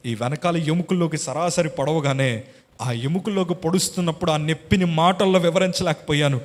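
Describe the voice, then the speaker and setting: Brief: man testifying in a church hall, slightly high voice, heavy reverb, dramatic swings from hush to shouts.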